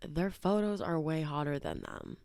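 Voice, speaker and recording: A young woman telling dating stories in a casual, animated storytime chat, joking and laughing as she goes. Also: low-pitched, normal speed, creaky, no room sound. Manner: chatty, animated, bursts of laughter and jokey made-up words.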